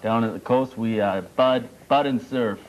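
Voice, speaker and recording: A man's voice: mid-range voice, normal speed, a little hiss or hum, close to an everyday voice. A man playing a laid-back, stoned male surfer who drawls in slacker talk.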